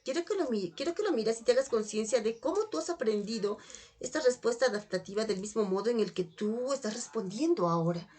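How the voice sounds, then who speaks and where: A woman's voice: on the high side, animated, a little fast, dark tone, slightly rough. A woman leading a live online holistic therapy workshop, guiding participants with repeated questions and prompts to write in the chat. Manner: coaxing, repetitive prompting with direct questions.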